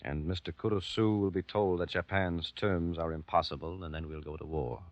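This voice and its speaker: A man acting a candid American war correspondent in a grave 1940s radio drama. His voice is low and plain-spoken, clipped in the telling. The recording is dry and muffled with age. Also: fairly even intonation, moderate pace, dry recording, lightly acted. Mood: wry, serious.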